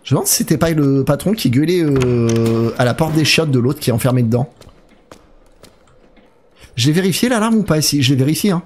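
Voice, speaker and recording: A man's voice: a little high, expressive, a little fast, pauses often, a little mellow. A young man casually commenting as he plays a horror game and thanks his viewers by name. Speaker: let's play streamer.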